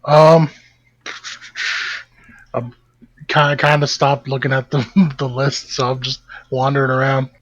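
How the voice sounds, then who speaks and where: A man playing in a tabletop game, relaxed and laid-back. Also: mid-range voice, moderate pace, highs cut off. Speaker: player. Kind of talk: casual tabletop role-play.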